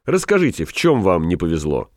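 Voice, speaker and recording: A man reading aloud, voicing an ironic worldly gentleman who speaks in a mocking, lecturing way. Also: sits low, huge pitch swings, fairly quick, dry recording, clean studio sound.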